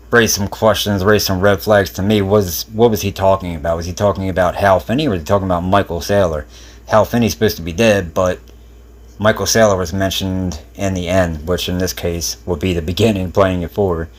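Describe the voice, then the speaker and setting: A man hosting a video, giving casual commentary in an informal, rambling, speculative way. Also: low-pitched. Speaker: video host.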